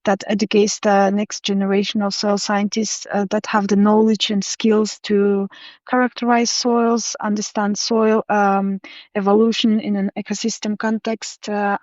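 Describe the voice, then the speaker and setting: A young woman from Kazakhstan hosts an interview, her voice mid-pitched as she asks questions with frequent fillers and pauses. The call sound is dry and somewhat dull. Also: flat delivery, darkish tone, dry recording. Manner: hesitant, many fillers. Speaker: podcast host.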